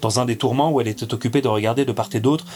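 A man narrating a classic tale in a measured, theatrical reading over music. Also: mid-range voice, steady tone, a little mellow.

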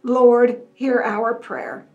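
A woman reading a Good Friday scripture passage and leading prayers in a slow, gentle, reflective way. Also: a little high, little pitch movement, narrow, tinny audio.

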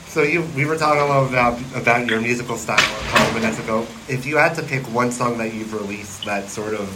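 A man hosting an interview, asking relaxed questions and joking lightly. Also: medium pitch, fast talker. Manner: relaxed, easygoing, jokes lightly. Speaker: interviewer host. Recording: heavy background hiss.

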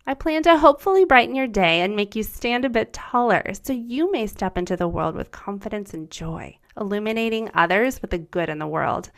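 On her solo podcast, a host in her forties, a native German speaker living in the United States, delivers a scripted monologue in an encouraging, upbeat, earnest way. Her medium-pitched voice is expressive and fairly quick, with few pauses.

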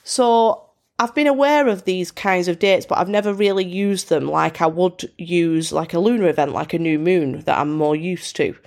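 Casual and upbeat, a British podcast host chats alone, making self-deprecating remarks in a bunged-up, congested voice. She speaks at a normal speed, and her creaky voice is on the low side with a darkish tone.

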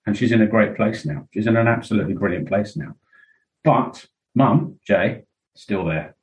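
A man's voice: on the low side, rough recording. A middle-aged man, a podcast guest speaking frankly and at length, rambling with many fillers and asides. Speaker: interview guest. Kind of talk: candid podcast conversation.

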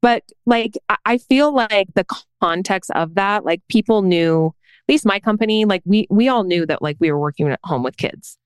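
A woman in her thirties hosting a podcast interview, conversational and quick to agree. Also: mid-range voice, animated, smooth, dry recording. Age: 30s. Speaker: podcast host.

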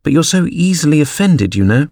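A man's voice: mid-range voice, lively intonation, moderate pace, darkish tone, no echo, studio quality, voice pushed up. A man voicing a polite, earnest little girl in a storybook, eager and humble in manner. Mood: pleading.

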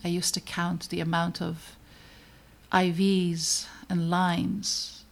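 A middle-aged Dutch pediatrician hosts her own podcast, narrating a scripted personal piece slowly and deliberately in a low-set voice. She sounds earnest and reflective, with a gravelly fry and a flat delivery, letting her pauses land.

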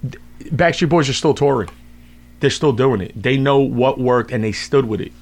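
A young man co-hosting a laid-back chat. His voice sits at a middling pitch, and he jokes around, often stammering and restarting his lines. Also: moderate pace. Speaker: podcast co-host. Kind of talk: casual chat.

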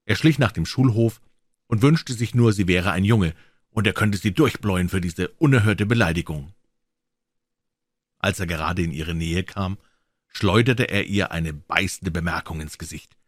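A man with a lowish voice narrates a classic story as an audiobook. His telling is measured and expressive, and the recording is close and dry with no room sound. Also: no echo. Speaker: audiobook reader.

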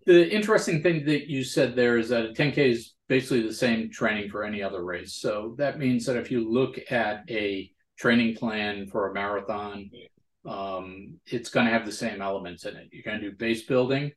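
A man's voice: lowish voice, moderate pace, slight background noise. A man hosting a casual interview, explaining things and often checking in for agreement, in a roomy, echoing recording. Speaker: podcast host.

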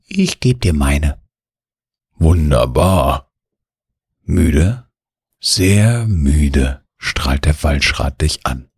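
A man slowly narrating a soothing bedtime relaxation story in the second person. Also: extremely low pitch, breathy edge, no echo, clean studio sound.

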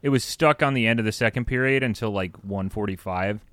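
A man's voice: lowish voice, fairly quick, fairly bright tone, no room sound, clean studio sound. An American man co-hosting a podcast, talking in a casual conversational way. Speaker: podcast co-host. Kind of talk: casual chat.

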